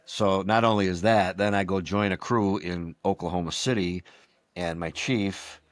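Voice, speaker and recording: Speaking at a moderate pace in a low voice, this sixty-something former baseball umpire wanders through long stories on a relaxed podcast, performing other people's lines as he goes. There's no echo on the recording.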